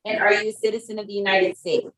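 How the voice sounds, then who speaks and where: An echoey room surrounds this woman's voice, which sits at a middle pitch. She speaks as a presiding judge, working through formal courtroom questions. Her wording is polite, procedural and formulaic. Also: little pitch movement, fast talker, fairly bright tone. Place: remote court hearing, indoor room.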